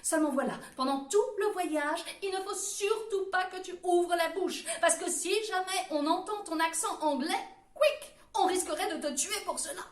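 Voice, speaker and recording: A woman's voice: very high-pitched, normal speed, far from the mic, voice pushed up. A woman voicing a thoughtful young male angel who speaks earnestly. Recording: roomy sound from away from the mic.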